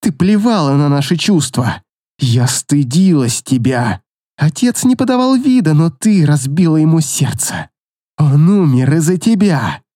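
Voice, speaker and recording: A man voicing a cruel middle-aged mother in an audiobook, hurling shrill accusations. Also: big pitch swings, slow, a little mellow, no room sound, clean studio sound. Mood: scornful. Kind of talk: audiobook character voice.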